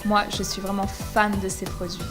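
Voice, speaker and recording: A woman from France narrating a makeup tutorial voice-over, steady and explanatory, enthusiastic about the products. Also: medium pitch, moderate pace. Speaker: beauty vlogger. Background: music.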